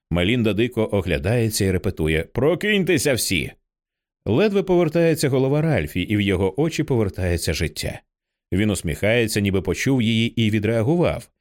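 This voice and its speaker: A man reading a horror screenplay aloud as an audiobook, voicing the quoted lines with a lifted voice. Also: fairly low pitch. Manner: lively, raising his voice for quoted lines. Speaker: audiobook narrator.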